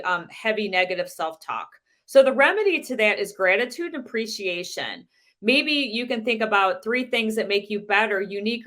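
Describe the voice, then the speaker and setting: A woman giving a measured, deliberate motivational talk as a sales coach, asking the listener many rhetorical questions. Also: mid-range voice, fairly bright tone. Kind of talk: motivational presentation.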